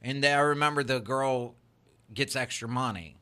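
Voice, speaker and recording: A man co-hosting a casual podcast chat, eager and quick to laugh, often cutting in. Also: medium pitch, pushed and bright, smooth. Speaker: podcast co-host.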